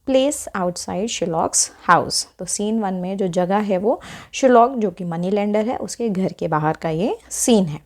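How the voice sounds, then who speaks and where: A woman teacher explaining a textbook lesson to students at a moderate, middle pitch. She goes through each term step by step, keeps checking in with "okay" asides, and slows down deliberately when she reads the English text. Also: creaky, a little mellow.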